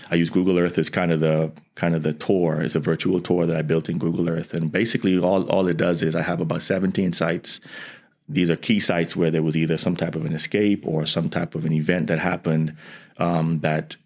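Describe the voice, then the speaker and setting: A low, darkish voice belongs to a man from the Bahamas, an environmental scientist and educator appearing as an interview guest. The talk is conversational, and he speaks earnestly, often starting his sentences over and leaning on "you know."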